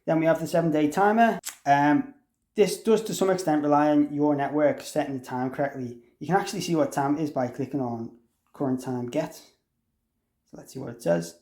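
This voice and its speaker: Speaking at normal speed in a fairly high, darkish voice, a man walks through software informally and without a script. He explains things in a chatty way and thinks aloud as he demonstrates, recorded in an echoey, roomy room.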